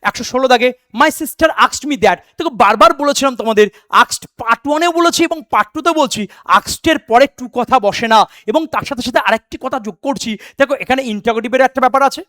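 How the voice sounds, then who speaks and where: A man's voice: very high voice, brisk, bright, forceful tone, no echo, studio quality. A man teaching an exam-prep English lesson who drills rules by repetition, calls students "baba" and "beta", and breaks into fervent motivational pep talk. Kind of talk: online exam coaching lesson.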